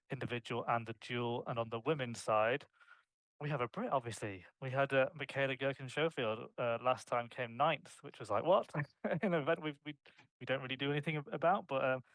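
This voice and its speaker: British male co-host, casual and filler-heavy, mid pitch, dry close mic. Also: brisk, fairly bright tone, no echo, poor audio. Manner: chatty, self-mocking, many fillers. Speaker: podcast co-host. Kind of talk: casual sports podcast chat.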